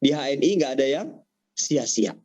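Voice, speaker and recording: A man giving a motivational sales talk, acting out customer dialogues in higher voices and quoting Arabic verses. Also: normal speed, dull audio. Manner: animated, jumps to higher pitch when acting out customers; quotes Quran verses in Arabic. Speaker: motivational speaker at a sales meeting. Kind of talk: preachy sales pep talk with acted-out dialogues.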